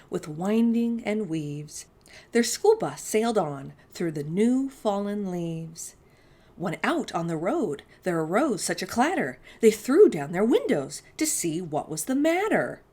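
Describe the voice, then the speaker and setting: Here the storytime reader has a medium-pitched, dark-toned voice that swings widely in pitch while moving slowly. She reads expressively to young children and speaks right to them.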